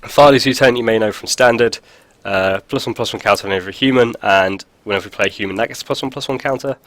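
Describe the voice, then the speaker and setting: This man speaks fast, with a fairly low, slightly bright voice in a dry recording. Stuffed up with a cold, he hosts a casual card-game video, cracking dry jokes amid lots of filler words.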